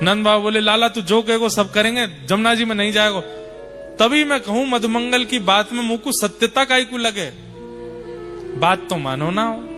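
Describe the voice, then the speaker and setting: Brief: high-pitched male storyteller, devotional katha over music. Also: normal speed. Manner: animated, acts out child and father voices. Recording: music playing behind.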